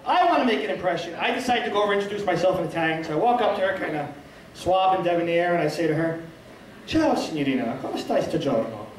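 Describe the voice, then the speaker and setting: A man's voice: sits high, very fast. A man doing a self-deprecating stand-up comedy set of punchy one-liners in a small restaurant. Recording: echoey room, far from mic, crowd laughing.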